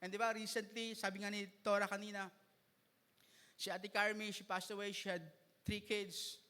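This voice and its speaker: A male pastor delivers a sermon, sliding between Tagalog and English and joking with his congregation. His voice sits very high and rings bright and forceful. The sound carries the long reverb of a church hall. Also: level tone, normal speed.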